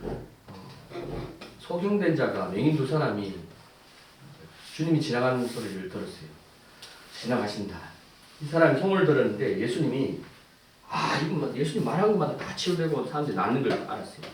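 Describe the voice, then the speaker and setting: A male pastor preaching a sermon, moving between quiet explanation and loud pleading cries. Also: sing-song, a little fast, long pauses, slight background noise. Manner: swings from low asides to loud pleading cries. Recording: echoey hall, voice from far off.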